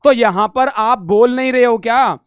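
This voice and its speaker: A man leads a live online exam-prep lesson in a high, resonant voice. He repeats each point, keeps asking whether students have understood and turns the questions back on them. The sound is dry and close. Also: moderate pace, smooth, dry recording. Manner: repetitive, asks "samajh gaye?" often, calls students beta; drills questions back at the class. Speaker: Sanskrit teacher.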